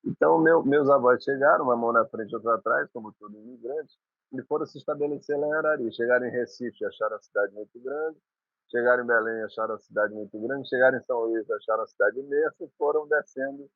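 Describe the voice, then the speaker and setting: A guest musician in his 50s from Maranhão, Brazil, rambles through old memories in conversational storytelling, restarting often. His medium-pitched voice is fast, and the dry recording sounds tinny, like a phone.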